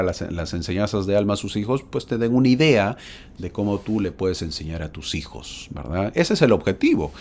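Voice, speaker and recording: A man's voice: low-pitched, darkish tone. A middle-aged man teaching a religious lesson, often asking the listener rhetorical questions. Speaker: scripture teacher.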